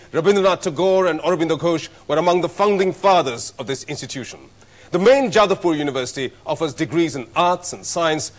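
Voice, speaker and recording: A middle-aged man hosting a TV quiz show, speaking in a formal, measured way with clear diction. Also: a little high. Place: TV studio set. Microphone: lapel mic.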